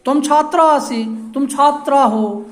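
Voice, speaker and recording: A woman teacher giving a classroom grammar lesson, repeating phrases slowly and quizzing the class. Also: high voice. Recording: echoey classroom.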